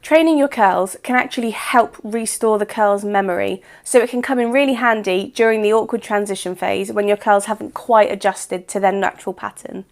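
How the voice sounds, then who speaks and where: Croaky woman vlogging about hair. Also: medium pitch, brisk, few pauses. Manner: chatty and instructive. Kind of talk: explanatory beauty vlog talk.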